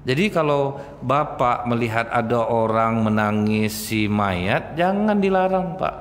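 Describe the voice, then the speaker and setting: A man's voice: medium pitch, expressive, measured pace. A male preacher giving a conversational sermon, constantly addressing his listeners as sir and ma'am. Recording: echoey hall, faint noise.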